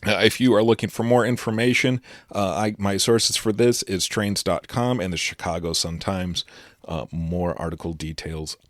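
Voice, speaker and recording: Male podcast host, on the low side, casual news roundup with plenty of "uh"s, close and dry. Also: steady tone, moderate pace, no room sound. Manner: chatty, loose delivery with frequent "uh" fillers and restarts.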